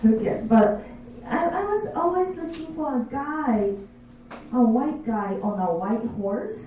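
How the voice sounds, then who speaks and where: Slow, deadpan woman comic in her fifties. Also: sits high, faint music behind. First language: not English. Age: 50s. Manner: slow, deadpan, self-mocking delivery. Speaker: stand-up comic. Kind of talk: stand-up comedy set. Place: comedy bar stage. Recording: echoey bar room, distant dull mic.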